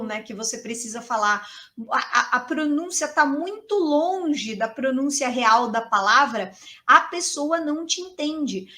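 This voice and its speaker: A woman's voice: high voice, pushed and bright. A Brazilian woman teaching English in a chatty, emphatic video lesson, repeating key words for stress.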